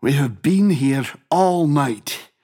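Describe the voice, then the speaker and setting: An actor voicing an earnest young male inventor in a dubbed cartoon, speaking in a measured way. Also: on the high side, lively intonation, dark tone, breathy edge, no echo, studio quality, heavily acted. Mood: eager.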